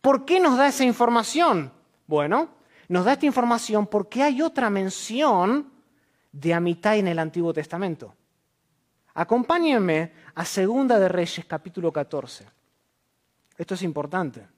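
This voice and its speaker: A man's voice: high voice, sing-song, unhurried. A man, a church elder, preaching an expository sermon to a congregation, asking questions and answering them himself. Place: church service.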